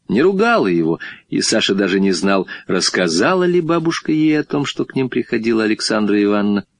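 A man narrating a children's storybook in a lively, expressive reading voice. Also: no room sound. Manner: expressive, with wide swings in pitch. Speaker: audiobook narrator.

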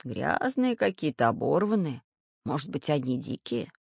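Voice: medium pitch, big pitch swings, normal speed, gravelly, no room sound. A narrator doing a fussy old-school professor. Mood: doubtful. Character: fussy squinting male professor and geographer. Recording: dry, dull lo-fi sound.

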